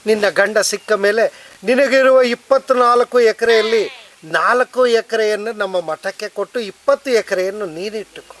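A man playing a fake godman in a comedy sketch, with a slow, solemn preaching delivery and a North Karnataka Kannada accent. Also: sits high, fairly even intonation, background noise. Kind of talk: scripted comedy sketch acting. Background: background music.

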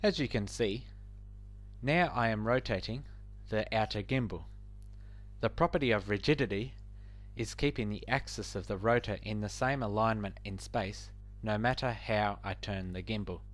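A man with a lowish voice explains cockpit instruments in scripted narration. His delivery is measured and explanatory, like a flight instructor walking through a lesson.

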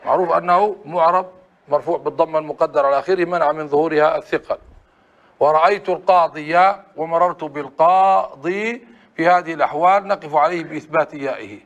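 A man's voice: fairly high pitch, fast, lo-fi sound. A man teaching a classroom grammar lesson, often asking the class short prompting questions. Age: adult.

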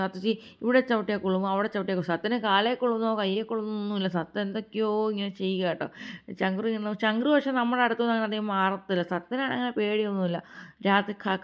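A woman's voice: mid-range voice, smooth. A young woman narrating a family vlog as a casual voice-over, rambling and chatty. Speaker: family vlogger. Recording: slightly dull lo-fi recording.

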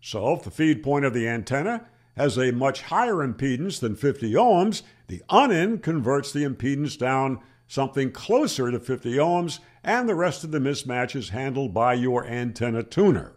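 Here the older amateur radio host, past sixty, explains a topic tutorial-style from a small plain room, close to a desk microphone mounted on a boom arm. His delivery is very animated yet deliberate and emphatic, full of rhetorical questions and intentional repetition, at a medium pitch.

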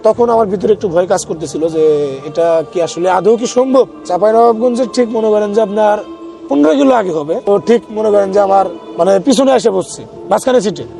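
Fast-talking man with a gravelly voice. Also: high-pitched, expressive, warm tone. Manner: rambling and conversational, often restarting sentences. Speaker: ambulance driver telling his own experience. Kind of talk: casual first-person storytelling. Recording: faint background music.

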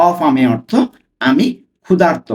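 A man teaching as a language tutor, repeating each phrase slowly word by word and checking in with "okay?". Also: fairly high pitch, darkish tone. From Bangladesh. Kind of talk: spoken lesson, Italian phrases explained in Bengali.

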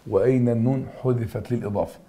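A man's voice: mid-range voice, steady tone, fast talker, dark tone. A man with an Egyptian Arabic accent teaching a recorded grammar review lesson. He drills answers through emphatic repetition and addresses students familiarly.

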